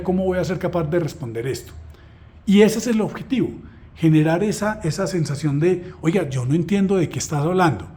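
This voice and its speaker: A trainer presents a course unit as an explanatory lesson walkthrough, his voice sitting high with a warm tone. He keeps it conversational, tossing out rhetorical questions and self-deprecating asides.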